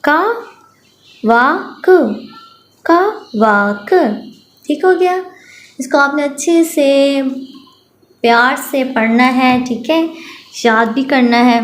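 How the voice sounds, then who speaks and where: A woman's voice: fairly high pitch, slight background noise. A woman teaching nursery children Urdu phonics in an online class, patiently sounding out syllables and checking in with a sing-song "okay". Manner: sing-song rising "theek hai" checks.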